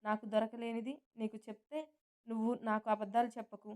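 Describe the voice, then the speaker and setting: A woman's voice: on the high side, little pitch movement, fairly quick, darkish tone, a little hiss or hum, close to an everyday voice. A woman voicing a stern, powerful businessman. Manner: serious, threatening.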